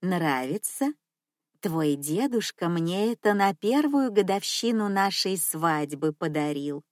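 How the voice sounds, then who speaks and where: A woman voicing a scheming, manipulative old grandmother who speaks slowly in a cooing, sugary tone. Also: lowish voice, expressive, no room sound, studio quality.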